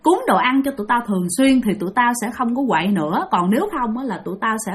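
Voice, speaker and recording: A woman with a Southern Vietnamese accent voicing angry male ghosts of dead soldiers who possess a person and threaten in a shrill scolding way. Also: lively intonation, quick pace, close to an everyday voice. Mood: demanding.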